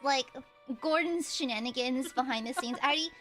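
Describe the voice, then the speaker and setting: A woman hosting a tabletop game stream as game master, chatting casually in an animated, giggly way. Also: sits high, brisk. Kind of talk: casual livestream chat. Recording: faint music behind the voice.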